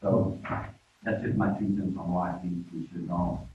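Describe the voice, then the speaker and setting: A man with a lowish voice pressing a point at a business meeting. He sounds distant, in a very echoey room over a narrow, phone-like line. A faint hiss sits under him. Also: level tone, moderate pace. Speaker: meeting participant.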